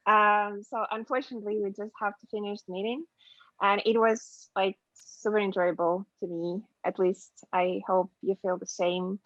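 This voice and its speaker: A woman hosting an online meeting, speaking politely and slowly and laughing often. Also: mid-range voice, flat delivery, no echo. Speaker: meeting host. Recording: dull, dry video-call sound.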